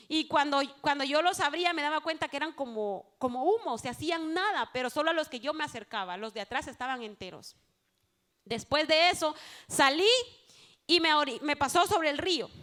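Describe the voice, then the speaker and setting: A woman giving a fervent evangelical testimony to a church congregation, speaking straight to the listeners and swinging between hushed passages and loud exclaimed ones. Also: high voice. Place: church service.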